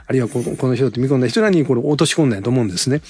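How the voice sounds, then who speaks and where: A man with a Kansai accent hosting a casual tech chat, chatty and quick to laugh. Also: mid-range voice, husky. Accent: Kansai Japanese. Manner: lively, chatty, laughs often. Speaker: podcast host.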